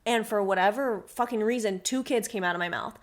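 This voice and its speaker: A woman in her late twenties hosts a casual podcast chat. She tells her story with animation, acts out what others said, and swears now and then. Her pitch sits in the middle of the range. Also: brisk. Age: late 20s. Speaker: podcast host.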